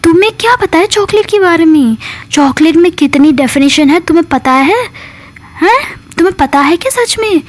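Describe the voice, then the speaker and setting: A woman's voice: on the high side, measured pace. A woman storyteller voicing a jealous, possessive young woman who talks in a raised, demanding way. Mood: sarcastic. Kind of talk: storytelling with acted dialogue.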